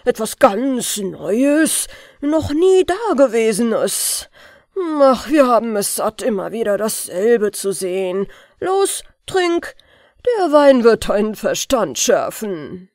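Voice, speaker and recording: A woman's voice: a little high, expressive, drawn-out words, a little mellow, no echo, studio quality, voice pushed up. A woman voicing a cruel, mocking tyrant king who bellows his orders. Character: cruel loud-mouthed male tyrant king.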